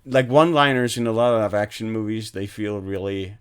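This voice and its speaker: A film podcast co-host retells movie scenes in a rambling, casual style, restarting often and laughing along the way. His smooth voice sits on the low side and moves fairly quickly.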